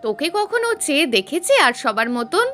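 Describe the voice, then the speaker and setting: Casting: a woman doing taunting college girls in an audio story, bright and lively. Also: high voice, moderate pace, soft background music. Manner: mocking, goading. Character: teasing young female college friends.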